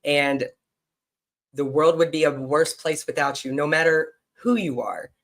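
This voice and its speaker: A man's voice: on the high side, fairly even intonation, unhurried, fairly bright tone. A man hosting a casual podcast conversation, chatty, blunt and teasing with his guest. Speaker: podcast host.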